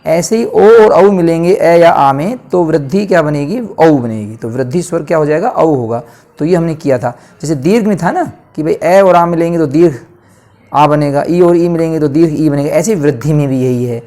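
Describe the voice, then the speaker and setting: A man with a north Indian Hindi accent teaching a grammar lesson at a board. He asks questions and answers them himself, and he stretches words out slowly to show how they are said. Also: fairly high pitch, warm tone.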